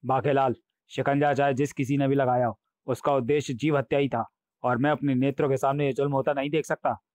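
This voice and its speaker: A man voicing a noble, earnest king in a comic audiobook, righteous and quick to alarm. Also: medium pitch, dry recording, close to an everyday voice. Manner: earnest and excitable, righteous declarations.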